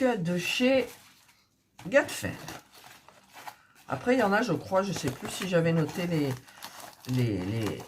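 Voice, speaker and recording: Her voice fairly low, a hobby vlogger who is sick and coughing shows her diamond painting kits and chats informally with subscribers. She hesitates and leans on fillers, and there's background noise.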